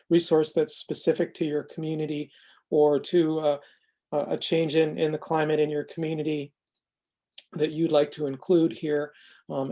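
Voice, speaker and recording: An American man with a fairly high-pitched voice gives an unscripted demo explaining a software tool. He speaks in a measured, halting way, pausing often.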